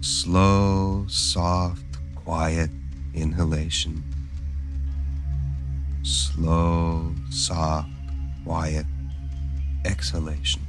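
Deep soft-spoken guy doing a calm guided meditation, really unhurried, music behind him. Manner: soft, calm, soothing delivery.

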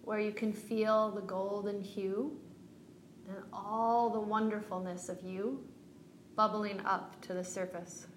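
Calm, slow-paced woman guiding meditation. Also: medium pitch. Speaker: yoga and meditation teacher. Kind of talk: guided meditation. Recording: roomy echo, faint background noise.

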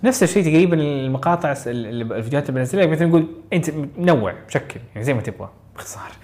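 A man's voice: a little high, expressive, a little mellow. A man hosting a live audio question-and-answer session, giving casual advice in a chatty, encouraging way. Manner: rapid, chatty, with frequent restarts and encouraging asides. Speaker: host of a live audio Q&A for exam learners.

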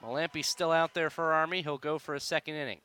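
A man's voice: on the high side, steady tone, fast, over a noisy crowd, heavy background noise. A man calling live baseball play-by-play on the radio in emphatic, dramatic short phrases. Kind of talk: live radio sports commentary.

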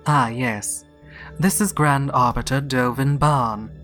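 A man voicing a vast female sphinx judge for an audiobook, calm and inscrutable. She speaks in a measured, formal manner over faint music. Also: mid-range voice. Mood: composed.

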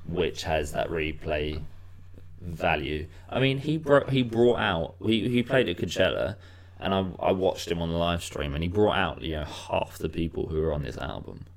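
Deep-voiced man chatting about music. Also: animated, normal speed, vocal fry. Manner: rambling, restarts, many "you know". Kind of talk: casual music review chat.

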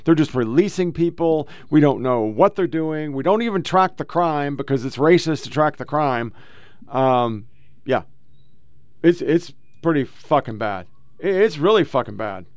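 A man's voice: fairly high pitch, expressive, a little slow, dry recording. An American man hosting casual political commentary, blunt and full of swearing. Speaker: host.

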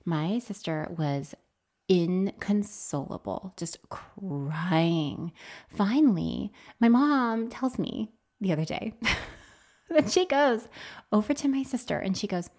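A young woman co-hosting a podcast, telling stories in casual chat and acting out quoted lines with lively voices. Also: medium pitch, slow. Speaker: podcast co-host.

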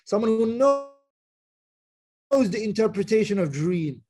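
A man's voice: sits high, lively intonation, a little slow, darkish tone, soft background music. A man giving a religious lesson, explaining phrase by phrase, repeating himself and checking that listeners follow. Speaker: religious teacher. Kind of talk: Quran exegesis lesson with Arabic recitation and English explanation.

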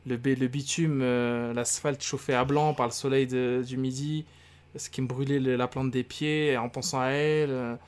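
A slangy young Frenchman co-hosting a podcast tells a story in casual chat. His medium-pitched voice is clear and resonant at a moderate pace, and he animates the tale by quoting other people's voices.

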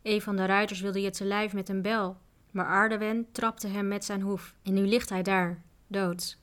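A woman voicing a kind, calm male knight in a Dutch storybook reading, speaking in a soothing, reassuring way. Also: medium pitch, moderate pace, lightly acted.

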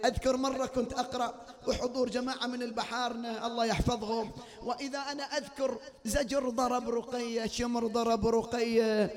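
A man reciting a mourning sermon in a hall, moving between spoken narration, wailing chanted verses and shouted outbursts. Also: extremely high pitch, little pitch movement, brisk. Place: mourning hall before a gathering.

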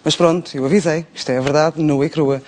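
A man's voice: fairly high pitch, steady tone, quick pace, darkish tone, slight background noise, close to an everyday voice. A man playing a blunt, mocking radio agony aunt. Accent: European Portuguese. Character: brash middle-aged agony aunt woman. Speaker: radio advice host. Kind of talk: comic radio phone-in.

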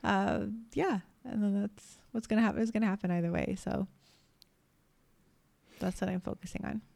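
A woman co-hosting a podcast, speaking softly as she talks casually and reads out reflective guided exercises. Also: mid-range voice, normal speed, creaky, no echo. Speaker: podcast co-host. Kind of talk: casual podcast talk and guided meditation reading.

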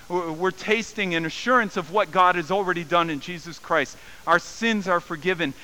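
Male pastor, sermon delivery, bright forceful tone, swells from hush to fervent, slight hiss on the recording. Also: a little high, low-quality recording. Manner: swings from quiet reflection to loud, soaring emphasis. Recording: faint hiss.

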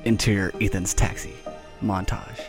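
Deep-voiced man reading stage directions. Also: fairly even intonation, moderate pace, over music. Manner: breezy, often breaks into laughter. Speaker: script reader.

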